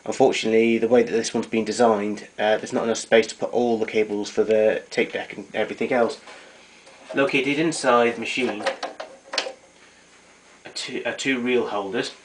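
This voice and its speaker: In a home kitchen, a man with a lowish voice and a steady tone talks at a moderate pace while showing off his vintage tape recorders. It's an off-the-cuff, practical demonstration delivered in a plain, collector-style manner, captured with noisy amateur camera audio.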